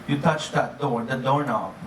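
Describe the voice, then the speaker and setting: A man's voice: mid-range voice, normal speed. A man speaking as an upbeat, playful cruise director, giving a joking live presentation to guests. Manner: chuckles often at own jokes. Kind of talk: comedic live presentation to an audience. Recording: echoey noisy room, distant mic.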